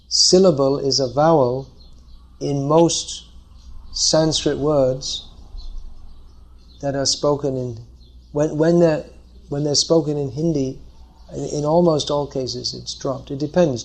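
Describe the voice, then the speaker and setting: Man explaining a scripture class. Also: on the high side. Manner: explanatory, thinking aloud. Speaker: teacher leading a scripture class. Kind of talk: lecture with audience questions.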